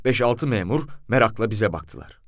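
A man narrating a first-person story in a wry, lively telling. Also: on the low side, moderate pace, no echo, clean studio sound.

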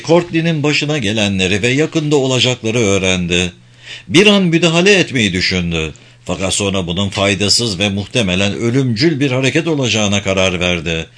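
A man's voice: medium pitch, a bit bright. A man narrating an adventure audiobook with dramatic storytelling.

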